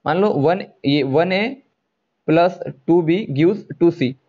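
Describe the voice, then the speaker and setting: A man teaching a chemistry lecture online in speech, coaxing students to answer and drawing out formula terms slowly. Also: a little high, highs cut off.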